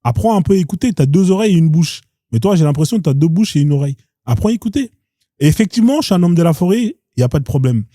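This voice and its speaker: A man hosting a live debate stream, answering with calm, ironic, deadpan comebacks. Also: a little high, rapid-fire, dry recording, studio quality.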